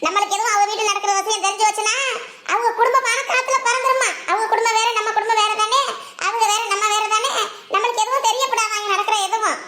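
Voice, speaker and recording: A woman's voice: very high voice, steady tone, fast, bright, forceful tone. A woman voicing a scolding village mother-in-law in a cartoon, with a southern Tamil Nadu dialect and a nagging, reproachful manner. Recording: roomy echo.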